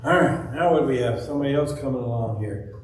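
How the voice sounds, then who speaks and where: A man's voice: mid-range voice, quick pace, slight background noise. A man reading a rhyming story to children in a church, coaxing them to fill in the rhyming words in a playful way. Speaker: children's talk leader. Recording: echoey church from a distant mic.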